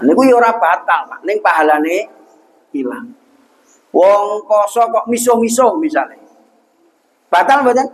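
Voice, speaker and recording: A young man with a Javanese accent gives a lighthearted mosque sermon in a high voice. He keeps asking the congregation questions and answers them himself, with a teasing, joking manner. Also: poor audio. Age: young adult. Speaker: preacher. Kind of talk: humorous village sermon.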